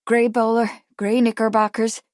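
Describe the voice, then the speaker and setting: A woman's voice: fairly high pitch, level tone, normal speed, darkish tone, no echo, clean studio sound, close to an everyday voice. A woman narrator voicing an anxious, determined young Victorian woman, speaking earnestly and urgently. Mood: intent.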